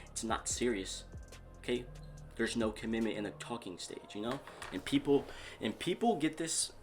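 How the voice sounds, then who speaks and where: In this comedy sketch, a YouTube host stays in character as a boastful man who calls himself a relationship doctor, rambling and repeating himself. His voice is on the low side, close to an ordinary speaking voice.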